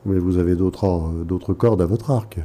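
A man with a very dark, mellow timbre and a fairly low pitch. He speaks like an analyst in session, measured, questioning and interpretive. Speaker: psychoanalyst interviewing a caller. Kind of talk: probing therapeutic conversation.

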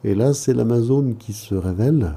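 A man speaking as an analyst, asking probing questions and offering interpretations in a measured, therapeutic conversation. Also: medium pitch, creaky, warm tone. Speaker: psychoanalyst interviewing a caller.

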